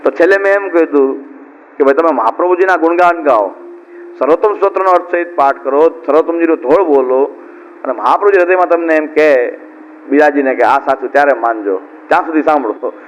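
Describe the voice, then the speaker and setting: A middle-aged man delivers a devotional discourse at a religious camp, easygoing and conversational, circling back to the same points for emphasis. His voice sits a little high for a man. The recording is dull and lo-fi, with a faint hiss underneath. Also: fast, long reverb tail. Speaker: devotional preacher.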